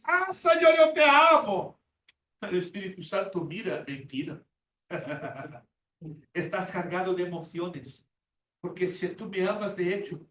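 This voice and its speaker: With a high-pitched, fairly bright voice, a man in his sixties gives a sermon-like Bible lesson in a church classroom, stressing and repeating words and acting out prayers he quotes. It's recorded from a distance in an echoey room with a faint hiss.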